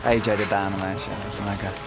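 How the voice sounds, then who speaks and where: Man, lowish pitch, casual gameplay chat, game developer, clear music backing. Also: little pitch movement, fast. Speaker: game developer on a studio live stream.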